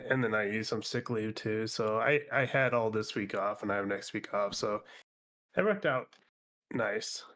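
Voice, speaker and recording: A man's voice: fairly low pitch, moderate pace, a bit bright. A man with a slightly nasal, post-nose-surgery voice, chatting casually as a livestream guest in a hesitant, self-effacing way that repeats words. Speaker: guest, video creator on a game channel.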